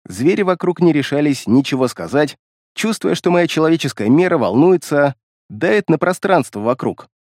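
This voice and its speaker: A man reads a first-person fantasy audiobook with a fairly high, very animated voice that rises and falls with the story. The sound is dry and close, with no room around it. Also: moderate pace, no echo. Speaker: audiobook narrator.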